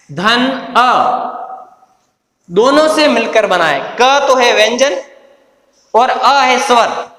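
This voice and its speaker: A man teaching a grammar lesson, explaining slowly and repeating points, drawing out the sounds he names. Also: sits high, pushed and bright. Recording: echoey room with long reverb.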